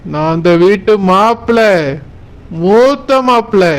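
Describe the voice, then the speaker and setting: A man's voice: high voice, expressive, measured pace, a little hiss or hum. A man voicing a drunken, blustering village husband in a cartoon, slurring and self-important, with a Kanyakumari Tamil accent. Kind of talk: cartoon comedy voice acting.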